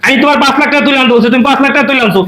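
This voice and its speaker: A man's voice: extremely high pitch, racing, roomy sound, noisy background. A man playing an insistent, accusing husband. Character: suspicious husband demanding missing money. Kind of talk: short comedy drama acting.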